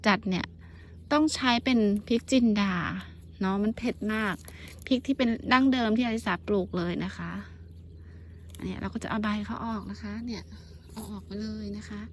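A woman in her thirties from Thailand, chatting casually to her phone camera as she tends a vegetable field, often breaking into excited exclamations. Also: fairly high pitch, normal speed, a little hiss or hum. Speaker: vlogger. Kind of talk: casual chat while gardening. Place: outdoor vegetable field in rural Japan. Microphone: handheld phone camera.

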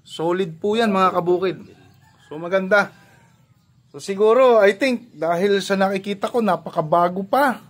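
High-voiced man touring a farm. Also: normal speed, no echo. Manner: chatty, explains step by step, often tags "no?". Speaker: farming vlogger and host. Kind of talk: casual walk-through commentary.

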